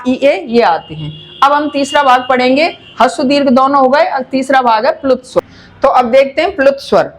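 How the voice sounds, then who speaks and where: A woman with a high voice gives a Hindi grammar lesson for exam students. She explains step by step in a patient teacher's manner and stretches out sounds to demonstrate pronunciation. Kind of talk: classroom-style grammar lesson.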